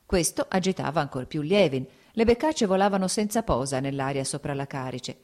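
Low-voiced woman reading a novel. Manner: steady, measured literary reading. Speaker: audiobook narrator. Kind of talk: scripted audiobook narration of a classic novel.

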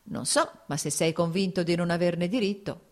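A woman voicing an easygoing, worldly male nobleman who speaks calmly and teases in an audiobook reading. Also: fairly low pitch, moderate pace, close to an everyday voice. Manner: calm, teasing.

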